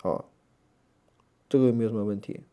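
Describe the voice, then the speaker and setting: A man teaching a Greek lesson in a relaxed lecturing way, with many fillers, slowing down to spell out letters and sounds. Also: lowish voice, clean tone.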